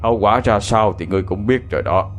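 A man's voice: lowish voice, fast talker, faint music behind, natural voice. A man voicing a stern old male Buddhist monk who gives commands during an exorcism.

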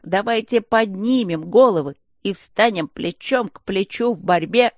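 A narrator voicing a chattering, cheeky female stone gargoyle in a fantasy audiobook, talking fast and mouthy. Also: medium pitch, no echo, clean studio sound, voice pushed up, natural voice. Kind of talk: audiobook character voice.

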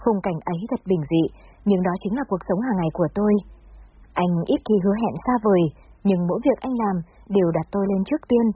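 A woman's voice: medium pitch, quick pace, dull audio, slight background noise. A woman narrating a first-person story in a reflective, confiding way.

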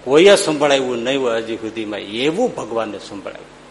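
A man telling a devotional story with a lively, animated delivery, acting out each character as he goes. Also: mid-range voice, quick pace, gravelly, a little hiss or hum. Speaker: religious storyteller. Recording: echoey hall with faint ambience.

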